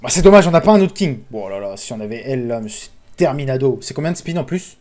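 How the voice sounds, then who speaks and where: A man streaming casino games, commentating live, excitable, pleading with the game and calling out sums. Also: medium pitch, fast.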